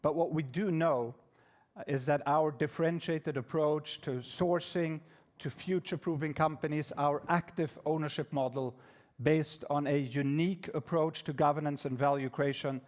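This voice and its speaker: A man with a slightly high speaking voice delivers a prepared business presentation at an investor event. He speaks in a measured, steady way, now and then pausing on fillers or restarting a phrase. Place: conference room.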